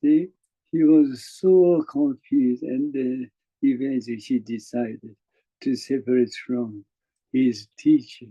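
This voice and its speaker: Zen teacher guy with a japanese accent, dark mellow voice, chuckles a lot, halting. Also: medium pitch, steady tone, muffled recording. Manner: halting, frequent fillers and chuckles. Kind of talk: dharma talk.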